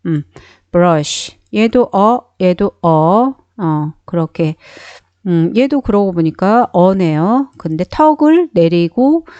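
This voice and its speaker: A woman's voice: on the low side, lively intonation, takes it slowly, dark tone, clear, resonant tone, no echo. A woman teaching a beginner phonics lesson, explaining each sound step by step and repeating every word several times. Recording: dull, dry sound.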